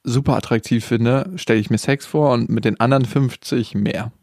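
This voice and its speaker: A man in his thirties co-hosting a casual podcast, asking playful, teasing questions and jumping into quick jokes. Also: medium pitch, fairly even intonation, a little mellow, no room sound, clean studio sound.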